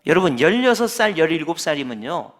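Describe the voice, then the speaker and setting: A middle-aged man preaching a sermon from the pulpit, his voice sitting a little high for a man. He acts out bits of dialogue and keeps turning to the congregation with questions. It is a Sunday service in a church sanctuary. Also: big pitch swings, a little fast. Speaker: senior pastor.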